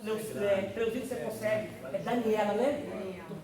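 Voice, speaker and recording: Fervent pastor teaching a class. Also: male voice, sits high, fairly even intonation, moderate pace, crowd noise. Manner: fervent, exclamatory, calls on listeners by name. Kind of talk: preaching-style theology lecture. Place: church classroom. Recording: roomy, distant mic, faint noise.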